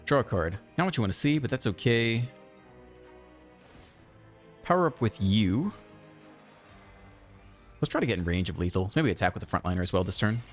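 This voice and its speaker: A man giving casual, chatty commentary over his own card game, thinking aloud and breaking into excited outbursts. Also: on the low side, moderate pace, pauses often, soft background music. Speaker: gaming channel host.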